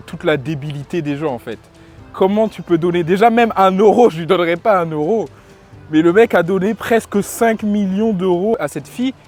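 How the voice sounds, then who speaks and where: In his vlog, a French lifestyle and dating coach offers offhand opinions in a fairly high-pitched, darkish voice. His speech is halting, full of fillers, and he often starts sentences over.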